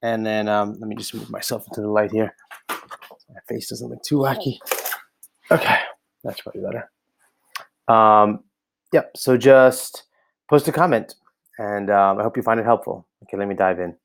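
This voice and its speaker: An American man with a lowish, gravelly voice gives casual spoken feedback on a website for coaches, speaking at normal speed with long pauses. He sounds hesitant, thinking aloud with many ums and restarts, and is recorded on a laptop camera in an indoor room.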